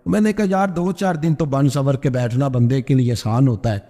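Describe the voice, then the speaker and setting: A man preaching a sermon, telling a story and acting out its dialogue with strong pitch swings. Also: in a large hall. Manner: impassioned, acts out dialogue with sharp pitch swings. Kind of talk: Urdu religious sermon with storytelling.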